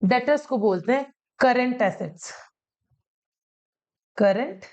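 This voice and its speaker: A woman teacher walks through accounting terms in a relaxed, repetitive way, acting out little shopkeeper scenes as she goes. Her voice sits a little high. The recording sounds slightly dull and lo-fi. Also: slow pace. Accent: Hindi-English mix. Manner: repeats key points, acts out shop examples. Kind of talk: casual explanatory lesson.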